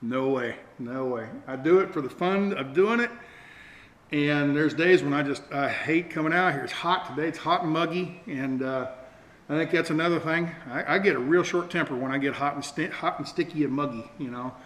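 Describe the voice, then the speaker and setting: At a normal speed and in a slightly bright voice on the high side, a middle-aged man walks viewers through a hands-on show-and-tell for his DIY build vlog. He keeps it casual, folksy, and rambling, teasing himself as he goes. His camera mic catches an echoey room and faint noise.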